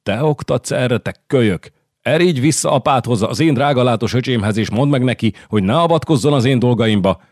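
A man's voice: lively intonation, a little mellow, no room sound, clean studio sound, lightly acted. A male narrator voicing a proud, furious queen who shrieks and scolds, in an audiobook. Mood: scornful. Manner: shrill, hissing, scolding.

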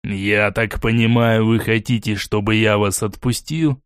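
A man voicing an ancient, cold, mocking male warrior in a slow, deliberate, sardonic manner. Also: fairly low pitch, steady tone, clean tone, no room sound, studio quality, lightly acted. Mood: calm.

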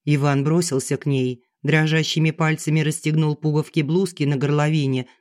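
Steady audiobook storyteller. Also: mid-range voice, moderate pace, dry recording, studio quality. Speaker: narrator. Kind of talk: audiobook narration.

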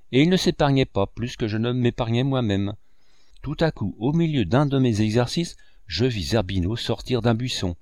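A man narrating a classic novel in a measured storytelling manner. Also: on the low side, darkish tone, no echo, clean studio sound. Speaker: audiobook narrator.

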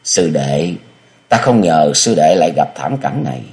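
A man's voice: rumbling low, lively intonation, unhurried, a little mellow, exaggerated voice. A man voicing a cold young woman, a martial sister who speaks with feigned sorrow. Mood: sorrowful. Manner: mournful, feigned tenderness.

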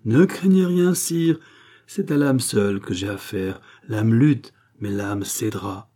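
A man's voice: fairly low pitch, unhurried, warm tone. A man voicing a cool, commanding doctor hypnotizing a countess, in an audiobook. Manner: firm, insistent, commanding. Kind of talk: audiobook character voice.

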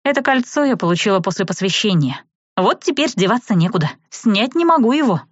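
A woman's voice: medium pitch, big pitch swings, a little fast, no room sound, muffled recording, pitched above the performer's own voice. A woman voicing a wry, weary young female student in an audiobook.

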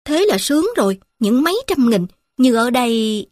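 A woman voicing a naive, eager young village man who speaks with excited emphasis. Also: fairly high pitch, normal speed, no room sound, studio quality, pitched above the performer's own voice.

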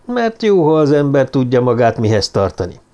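Brisk eccentric detective, lively and sure of himself, a man voicing him in an audiobook, pitch rising and falling. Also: natural voice. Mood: candid. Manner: lively, self-assured, slightly fussy. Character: Sherlock Holmes, brisk eccentric male detective. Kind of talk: audiobook character reading.

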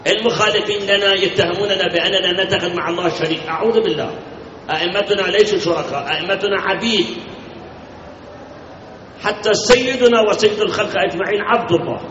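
A man's voice: sits high, fast, fairly bright tone, slight background noise. A man giving a sermon as a cleric, emphatic, repeating key words and asking his listeners questions. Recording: echoey hall, distant mic, lo-fi.

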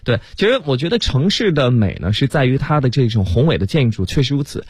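A man's voice: mid-range voice, big pitch swings, fast, darkish tone, slightly rough, no echo, studio quality. A man teaching English words on a radio program, explaining patiently and often turning to listeners with questions. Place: radio studio.

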